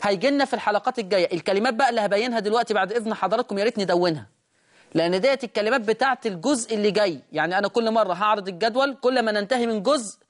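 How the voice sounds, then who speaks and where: An Egyptian-accented man teaches in a calm, explanatory way. He repeats each word slowly to show how it is read, then carries on at a plain conversational pace. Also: sits high. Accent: Egyptian Arabic. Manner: patient, repeats words to demonstrate readings. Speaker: Quran teacher hosting a call-in lesson.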